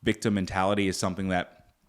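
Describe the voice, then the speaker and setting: A young man from Northern Virginia hosts a casual solo podcast in a deep, level voice, talking fast. He comes across as earnest and reflective, with lots of fillers and restarts.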